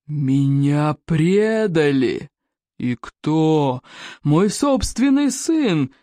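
A reader voicing a big, proud Viking chief who thunders slowly and commands. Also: mid-range voice, expressive, dry recording, lightly acted. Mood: furious.

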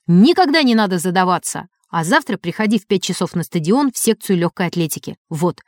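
A woman voicing a stern, fatherly male race judge who speaks in a firm, measured way. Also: fairly low pitch, expressive, a little mellow, no room sound, clean studio sound, lightly acted.

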